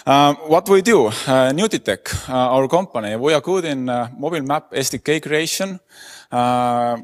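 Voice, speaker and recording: Guy doing a quick conference talk, lots of uh and um, big hall echo. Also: mid-range voice. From Estonia. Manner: plain, halting non-native English with many fillers. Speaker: conference speaker. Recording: long hall reverb.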